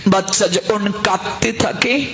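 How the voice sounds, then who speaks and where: A man giving a devotional sermon, acting out quoted voices and slipping into song and drawn-out chanting. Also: high voice, background noise. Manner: acts out quoted voices of guru, child and mother; chants the divine name slowly and drawn out. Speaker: kirtan singer and Gita lecturer. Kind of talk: devotional sermon with sung passages.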